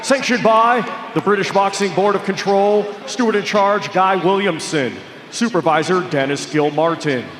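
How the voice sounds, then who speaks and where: Booming high-pitched man, lucha libre style ring announcer. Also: moderate pace. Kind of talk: formal ring introductions to the crowd. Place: large indoor boxing arena. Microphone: ring announcer's microphone over PA. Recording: echoey arena PA, loud crowd noise.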